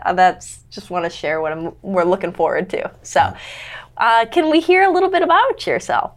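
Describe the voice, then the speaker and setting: Woman, podcast host, casual interview chat, enthusiastic, long musing sentences. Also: medium pitch.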